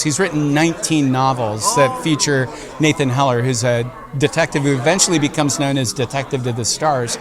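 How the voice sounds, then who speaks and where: A man giving an explanatory interview as a producer at a busy convention. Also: medium pitch. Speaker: audio drama producer being interviewed. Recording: busy crowd noise around the voice. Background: crowd chatter.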